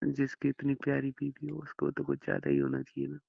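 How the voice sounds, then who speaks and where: A man's voice: mid-range voice, very animated, fast talker, creaky, slightly rough, dry recording. A young man on an intimate phone call with his wife, reassuring her and rambling through long explanations. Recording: muffled phone call recording.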